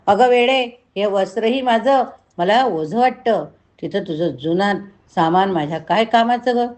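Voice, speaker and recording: A woman voicing a young male ascetic who speaks gently and teasingly, then preaches earnestly. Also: medium pitch, measured pace, close to an everyday voice. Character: radiant young male ascetic, calm and wise.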